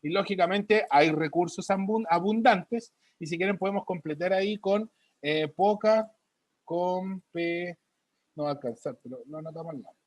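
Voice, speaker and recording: A man's voice: sits high, brisk, no room sound. A male biology teacher, giving a recorded class and checking in with a repeated "ya?" while writing on the board. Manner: repeats a questioning "ya?" after each point; writes on a board while talking, drifting from the mic.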